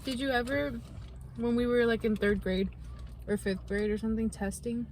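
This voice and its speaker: Chatting on a podcast she co-hosts, this young woman tells meandering stories full of filler words in a casual way. Her voice is a little high and a little mellow, moving at normal speed. Slight background noise is audible.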